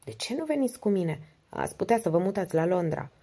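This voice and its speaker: A woman reading the lines of a charming, confident Englishman adventurer in an audiobook, in a calm, gallant manner. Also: on the low side, husky, pitched above the performer's own voice, heavily acted.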